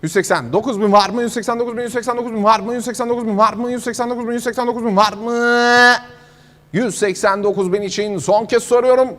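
A man's voice: very high voice, steady tone, a little fast, fairly bright tone. A man working as a car auctioneer, calling bids in a repetitive chanting manner. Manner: repetitive chanting bid calls. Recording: long hall reverb.

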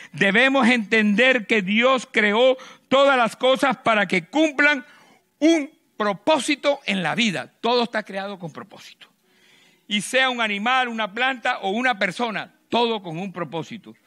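Middle-aged male pastor, high bright voice, emphatic sermon with loud and hushed swings. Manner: emphatic preaching with sudden loud bursts and hushed drops. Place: church stage. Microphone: handheld mic.

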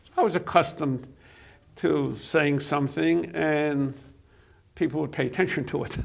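In an unhurried, creaky voice of fairly high pitch and fairly even intonation, an older man reminisces as a guest on a TV studio set. Born in Poland with Yiddish as his first language, he speaks through a lapel mic, hesitating with many fillers and restarts.

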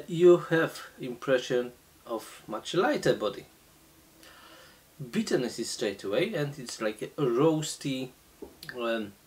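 Slow, halting man reviewing beer. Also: medium pitch. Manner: slow, halting, many fillers and restarts. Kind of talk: casual beer tasting review. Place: small indoor room, seated at a table.

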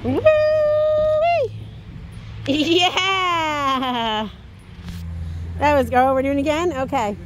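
A cheerful woman from Philadelphia filming a family vlog at an outdoor playground, excitedly coaxing her kids along. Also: high voice, quick pace, few pauses, a little hiss or hum. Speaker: mother filming a family outing. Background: music playing.

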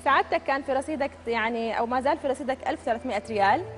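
A woman hosting a televised quiz show from a studio, reading out questions and answer options crisply and upbeat. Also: sits high, rapid-fire. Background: show music.

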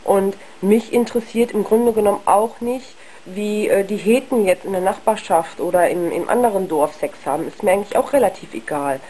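A young woman talking frankly and haltingly in a casual video monologue, ill with flu, her worn, husky voice giving out. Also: mid-range voice, mellow, rough recording. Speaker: video blogger. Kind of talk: casual personal monologue to camera.

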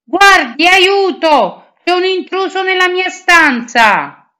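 A woman voicing a scheming, proud English noblewoman, sweet on the surface and shrill when angry. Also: big pitch swings, a little slow, a bit bright. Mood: shrieking.

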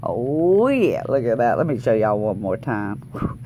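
A Southern US woman with a bass voice hosts a scratch-off lottery video, speaking unhurriedly and mellowly with big pitch swings. Her casual, excited vlog chat is folksy and often repeats phrases for emphasis, shot indoors at a tabletop showing only her hands. The sound is lo-fi with a little hiss or hum.

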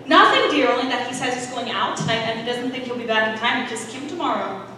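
A woman's voice: fairly high pitch, expressive, quick pace, pushed and bright, slight background noise. A teenage actress playing a sarcastic, guilt-tripping, overbearing mother in a school musical. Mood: melodramatic. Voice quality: sarcastic, melodramatic. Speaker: stage actor. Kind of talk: high school musical stage acting. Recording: echoey auditorium from far off.

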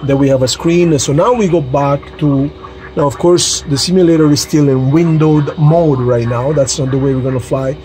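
A man with a warm, somewhat high voice speaks at a moderate pace with fairly even intonation. A flight sim hobbyist, he chats directly to viewers in a casual tutorial, clicking through screens as he starts up his home cockpit. A phone camera held or mounted nearby records him in the sim room.

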